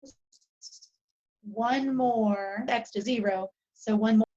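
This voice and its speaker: A woman's voice: on the high side, slow pace, mellow, faint music behind. A woman math teacher explains each step patiently over a video call. Her voice comes through corrupted and glitchy, breaking up robotically as the connection fails. The sound is dull and muffled. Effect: corrupted, glitchy, robotic audio from a bad connection.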